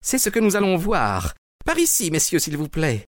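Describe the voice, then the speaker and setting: A man's voice: mid-range voice, lively intonation, unhurried, dry recording, lightly acted. An actor playing a hostile, sarcastic man who taunts and blusters, in a dry studio recording. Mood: indignant. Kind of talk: audio drama acting.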